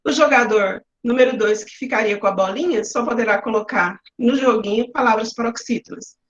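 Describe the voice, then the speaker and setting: A Brazilian woman teacher with a high voice walks through her classroom activities step by step in an online lecture. Her call audio sounds roomy and a little muffled. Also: fairly quick. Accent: Brazilian Portuguese. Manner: explains step by step with examples.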